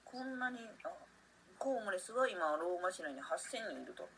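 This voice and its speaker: A man's voice: high-pitched, very animated, normal speed, vocal fry, fairly bright tone, distant mic, slight background noise. A man co-hosting a casual comedy chat who speaks politely, agrees a lot, and reads out news items. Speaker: writer and co-host reading news items.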